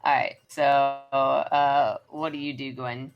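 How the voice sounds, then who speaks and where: A woman's voice: a bass voice, level tone, slow pace, lo-fi sound. A woman narrating as game master, chatty and giggly with lots of filler words.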